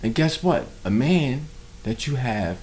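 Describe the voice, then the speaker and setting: A man commenting on clips in a casual, emphatic way, his pitch leaping up and down as he makes his point. His talk is preachy and animated, with a mid-range voice. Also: a little slow. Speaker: reaction video host.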